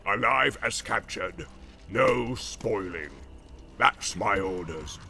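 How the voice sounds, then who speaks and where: A hulking orc captain snarls out slow, blunt orders in a gravelly, low growl, as a male reader puts him on. His voice is bright-edged and forceful, and the recording carries some noise underneath. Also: animated, full character voice. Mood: commanding. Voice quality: deep growl. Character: brutal male orc captain, commanding and boastful.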